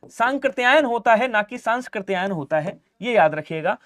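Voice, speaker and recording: High-voiced man teaching exam Hindi. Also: lively intonation, normal speed, no echo. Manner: drills students with repeated questions. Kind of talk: exam-prep lesson.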